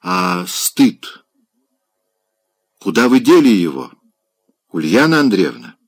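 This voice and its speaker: A man voicing a stern, flustered young gentleman in an audiobook, admonishing and firm. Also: lowish voice, expressive, a little slow, no room sound, studio quality. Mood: resolute.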